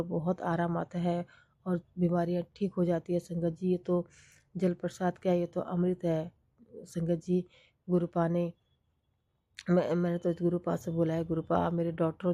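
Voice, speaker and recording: A middle-aged woman with a hoarse voice from a cold, sharing a devotional gratitude testimony and repeating her prayerful thanks again and again. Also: fairly low pitch, warm tone, dry recording.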